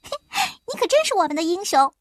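Brief: squealing little hen girl, very high and bright, a woman putting it on. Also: brisk, no room sound, clean studio sound, soft background music, exaggerated voice. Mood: excited. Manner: shrill, excited calling. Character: excited little girl hen, eager and warm.

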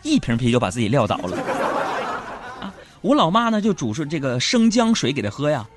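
A man's voice: fairly high pitch, wildly swooping pitch, brisk, background noise. A man hosting a comedy show, telling funny everyday stories in a chatty, playful way. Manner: chatty, playful, acts out quoted voices. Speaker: radio comedy host. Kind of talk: comic storytelling monologue.

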